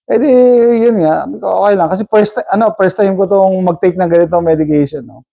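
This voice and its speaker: A man with a high-pitched, mellow, warm voice tells a personal story to his viewers. He talks casually and rambles, checking in with a quick "no?" as he goes. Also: gravelly. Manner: chatty, rambling, tags sentences with "no?". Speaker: vlogger.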